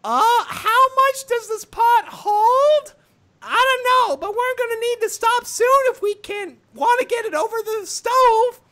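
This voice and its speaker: Squeaky, extremely high Mickey Mouse voice. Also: female voice, expressive, fairly bright tone, exaggerated voice. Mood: squeaky, chipper. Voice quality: strained, squeaky. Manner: squeaky Mickey Mouse-style falsetto, slow storybook delivery. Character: cartoon mouse, squeaky and cheerful, reading a story. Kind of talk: comic fan fiction read-aloud.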